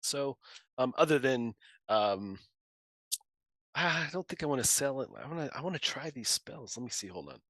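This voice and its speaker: A man plays a board game on a live stream, talking through each choice out loud. He jokes along and laughs easily. His voice is middle-pitched, with a dry, close sound. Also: big pitch swings, normal speed, no echo. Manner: playful, laughs easily, thinks aloud. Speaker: guest player. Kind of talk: casual livestream chat while playing.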